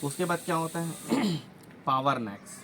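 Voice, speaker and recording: A man's voice: a little high, animated, a little slow, bright, forceful tone, slight background noise, poor audio. A male teacher giving an exam-prep lesson, explaining memory tricks step by step and often repeating and checking with "okay".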